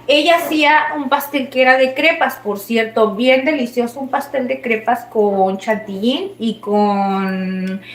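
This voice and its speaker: Chatty high-voiced Mexican woman. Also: fairly bright tone, roomy sound, slight background noise. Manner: chatty, rambling, laughs often. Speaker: cooking vlogger. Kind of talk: casual chat while cooking.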